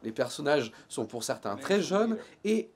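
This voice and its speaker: Lively, high-voiced sarcastic male reviewer. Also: measured pace. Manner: sarcastic and joking, then earnest critique. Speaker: TV series reviewer. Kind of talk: casual video review.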